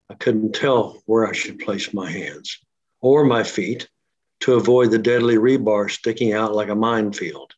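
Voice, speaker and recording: A man reading his memoir aloud at a steady, measured pace, his voice coming through a laptop speaker on a remote line. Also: mid-range voice. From Oklahoma City. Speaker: guest author. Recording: dull lo-fi remote audio.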